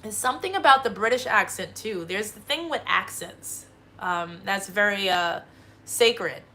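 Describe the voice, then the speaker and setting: A woman's voice: mid-range voice, lively intonation, measured pace, bright, forceful tone. A woman hosting a livestream, giving a rambling spiritual monologue full of swearing and emphatic bursts. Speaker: livestream host.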